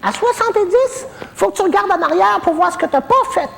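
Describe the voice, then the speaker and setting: Woman playing a gravelly Québécois old lady. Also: very high-pitched, lively intonation, fairly quick, big-room sound, full character voice. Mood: cheeky. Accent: Québécois French. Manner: saucy, gossipy, self-mocking jokes. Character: cheeky, bawdy old woman living in a retirement home. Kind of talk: stand-up comedy character monologue.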